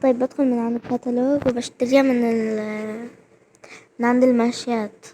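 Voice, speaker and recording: A young woman, giving excited gameplay commentary and repeating words rapidly when thrilled. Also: fairly high pitch. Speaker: gaming vlogger.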